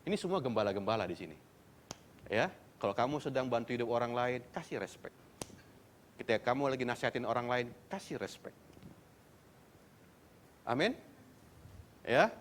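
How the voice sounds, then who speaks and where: A man preaching a sermon at a church service, animated, acting out quoted speakers and rising into high, loud exhortation. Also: a little hiss or hum. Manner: animated preaching, climbs to high-pitched loud exhortation, mixes English words; acts out imagined speakers in quoted lines. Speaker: pastor.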